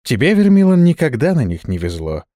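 A man's voice: medium pitch, huge pitch swings, fairly quick, mellow, no echo, clean studio sound, pitched above the performer's own voice. A man voicing a mocking male vampire nobleman, in a storybook reading.

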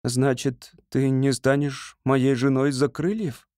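A man's voice: mid-range voice, level tone, unhurried, darkish tone, no echo, clean studio sound, natural voice. A man playing an ardent young winged man. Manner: ardent, impassioned. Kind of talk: audiobook character reading.

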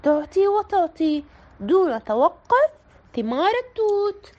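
Lively high-voiced woman reading a picture book. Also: a little slow, muffled recording. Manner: expressive, sing-song. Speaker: storyteller.

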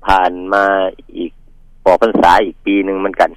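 A man from northeast Thailand telling the host a ghost story from his village in a halting, polite way, pausing and repeating words. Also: sits low, level tone, no room sound, low-quality recording. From Northeast Thailand, Mekong riverside. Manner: polite, addresses host as older brother. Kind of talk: casual spoken storytelling.

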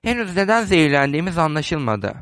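A man's voice: fairly high pitch, big pitch swings, quick pace, fairly bright tone, dry recording. A man playing an earnest, flustered housewife. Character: anxious, dutiful woman of the house.

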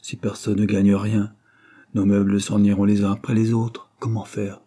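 Male reader as a simple quiet laborer, low and dark. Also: level tone, moderate pace, close to an everyday voice. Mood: worried. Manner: worried, usually silent. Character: quiet, naive working man.

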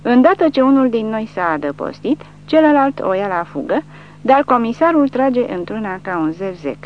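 Woman narrating an audiobook with animated pitch. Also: dull audio, slight background noise. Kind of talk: scripted narration.

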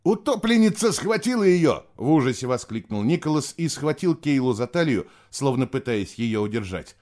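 A man reading a novel aloud in expressive, scripted narration. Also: medium pitch, moderate pace. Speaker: audiobook narrator.

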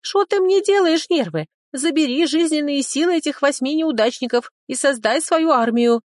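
A woman's voice: high-pitched, moderate pace, a little mellow, no room sound, studio quality, voice pushed up, natural voice. A woman voicing a lazy, potbellied little male dragon who talks in brash, mocking slang. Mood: exasperated.

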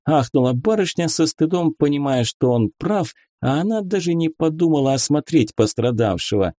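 Male narrator, expressive storytelling, mellow and animated. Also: fairly high pitch, moderate pace, no room sound, clean studio sound. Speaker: audiobook narrator. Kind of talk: scripted narration.

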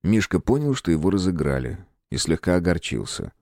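Low dark male voice reading a storybook, lively intonation, dry close mic. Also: vocal fry, no echo. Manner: measured storytelling. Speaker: audiobook narrator. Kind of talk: scripted narration.

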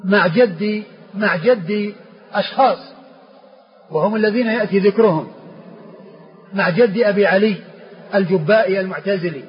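A man's voice: high voice, normal speed, pauses often, soft background music. A man, a sheikh, explaining a classical text to students, repeating phrases and restarting words as he teaches. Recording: dull lo-fi lecture recording with faint noise.

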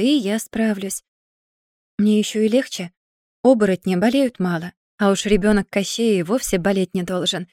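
A woman's voice: mid-range voice, warm tone, dry recording, studio quality, close to an everyday voice. A woman voicing a tearful, stubborn young werewolf wife in an audiobook, wailing and indignant.

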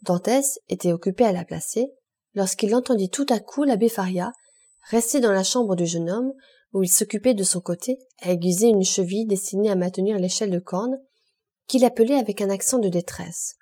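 Mellow-voiced woman reading a classic novel. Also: mid-range voice, husky. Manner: measured literary reading. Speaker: audiobook reader. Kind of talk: scripted narration.

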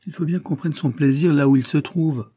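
A man reading a novel gives voice to a proud, worldly dressmaker who knows every client's secrets. She speaks in a dry, confiding tone, a little higher than his own voice, mellow and slightly husky. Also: brisk. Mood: knowing. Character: shrewd, proud middle-aged woman dressmaker.

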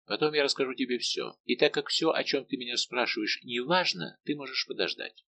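A quick-witted young court lady presses her friend with teasing, persistent questions, voiced by a man reading an audiobook. Her tone is mid-range and gravelly, and a faint hiss sits in the background. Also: mid-range voice, pushed and bright. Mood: coaxing. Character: lively, insistent young female court maid of honour.

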